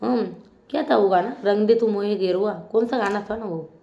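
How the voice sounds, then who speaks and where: A woman's voice: medium pitch, moderate pace, creaky, warm tone, roomy sound. A woman chatting casually as she reviews a reality show episode, teasing and mimicking the contestants.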